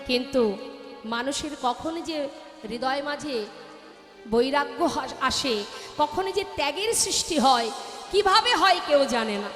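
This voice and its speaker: A woman telling a devotional story in a kirtan sermon, in a lively way, chanting refrains and speaking to her listeners as mothers. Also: sits high, slow pace, pauses often. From Bengal. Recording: echoey hall with music.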